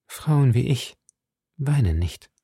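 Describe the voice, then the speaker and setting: A man reading an audiobook, voicing a cunning, scheming noble lady in a cool, measured, probing manner. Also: mid-range voice, lively intonation, dark tone, husky, no room sound, studio quality, exaggerated voice.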